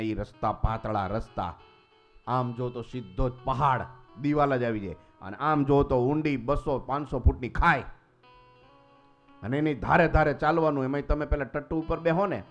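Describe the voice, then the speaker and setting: A man, a swami preaching a storytelling sermon to a temple assembly. He swings between soft asides and loud exclamations. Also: fairly high pitch. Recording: slightly muffled recording with faint guitar music.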